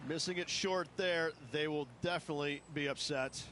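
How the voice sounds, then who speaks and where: Emphatic male golf commentator, descriptive game broadcast analysis, lightly raised pitch, clear outdoor noise. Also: fairly even intonation, normal speed, sharp tone. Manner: descriptive, emphatic about difficulty.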